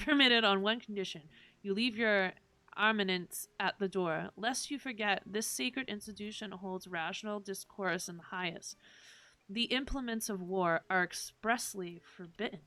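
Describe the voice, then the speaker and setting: A woman's voice: mid-range voice, normal speed, bright, forceful tone, no room sound, lightly acted. Stern officious doorkeeper, as a woman reads it. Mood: stiff formal. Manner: formal, stiff, chiding.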